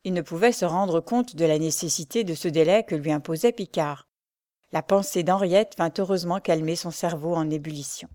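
A woman reading a classic adventure story aloud in a measured narration. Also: lowish voice, dark tone, dry recording, clean studio sound.

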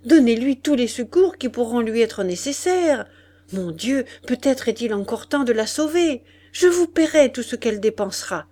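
A woman's voice: medium pitch, expressive, a little slow, a little mellow. A woman reading aloud, voicing an anxious aristocratic mother who speaks earnestly and urgently.

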